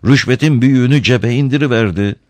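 A man voicing a calm, gently chiding Christ. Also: medium pitch, fast, dry recording, voice pushed up, close to an everyday voice. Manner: calm, patient, gently ironic.

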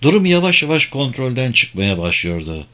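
A man's voice: mid-range voice, very animated, normal speed, sharp tone. Man narrating an audiobook.

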